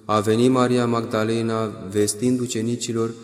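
A solemn man reads scripture in a measured liturgical way, with lines that drift into chant. His pitch stays flat and even. The sound is roomy, with a long hall reverb trailing each phrase. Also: soft background music. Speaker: scripture reader.

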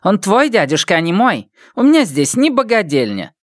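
A reader voicing a sharp-tongued, spiteful woman boss who heaps abuse on her relatives, in an audiobook. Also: mid-range voice, huge pitch swings, moderate pace, no echo, clean studio sound, voice pushed up. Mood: cold scorn. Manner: scornful, abusive tirades. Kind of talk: audiobook character voice.

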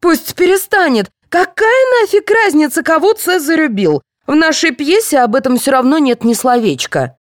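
A woman's voice: high voice, big pitch swings, normal speed, hardly any pauses, dry recording, clean studio sound, voice pushed up. A woman voicing a whiny, petulant young woman in an amateur theatre troupe in an audiobook.

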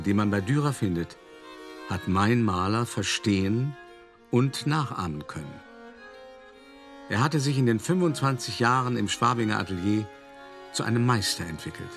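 In a radio play monologue, an actor portrays an urbane, self-satisfied art dealer recounting his story. His delivery is measured and articulate, in a lowish voice.

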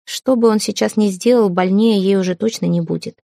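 Mellow-voiced woman narrating a fantasy audiobook. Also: mid-range voice, steady tone, a little fast, vocal fry, no room sound, clean studio sound.

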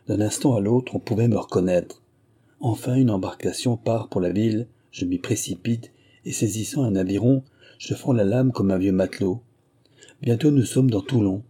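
A man reading a first-person memoir aloud as an audiobook narrator, in steady, measured storytelling. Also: fairly low pitch, breathy edge.

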